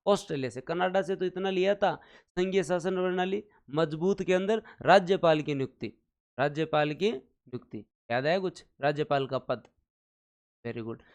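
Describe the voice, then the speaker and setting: A man teaches a live online exam-prep class in a clear, resonant voice pitched a little high. He keeps firing questions at his viewers and repeats them. He chants figures over and over so they stick. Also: moderate pace. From India.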